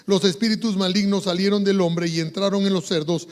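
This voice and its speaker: A male pastor with an Ecuadorian Spanish accent preaching a sermon, moving between hushed passages and fervent, loud ones. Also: sits high, steady tone, a little fast. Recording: long hall reverb.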